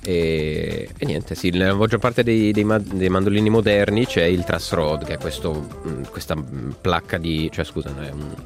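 A man in his explains things casually. He gropes for words as he goes, with some music in the recording. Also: low voice. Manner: halting, searching for words. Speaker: musician guest explaining an instrument.

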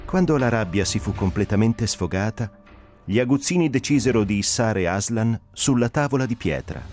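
Male narrator, low voice, lively expressive reading, soft music behind. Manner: expressive, varied delivery. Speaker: narrator reader. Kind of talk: dramatic audiobook reading.

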